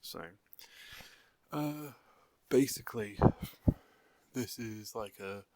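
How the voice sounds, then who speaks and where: A man's voice: on the low side, takes it slowly, a little mellow, dry recording. A young man from England talking casually and out of breath, rambling with lots of fillers and the odd swear word. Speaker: vlogger. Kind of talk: unscripted casual vlog.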